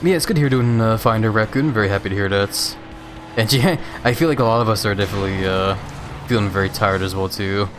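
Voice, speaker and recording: Chill guy streaming a racing game, kinda low voice, laughs a lot, easygoing chat. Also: fast, music in the background. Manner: laid-back, chatty, laughs often. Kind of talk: casual live-stream chat while gaming.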